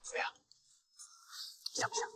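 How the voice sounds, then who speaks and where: A man's voice: moderate pace, bright, forceful tone, in a whisper, distant mic. An actor in his twenties playing a doting young company boss and playfully romantic husband in a drama. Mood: tender, teasing. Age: 20s.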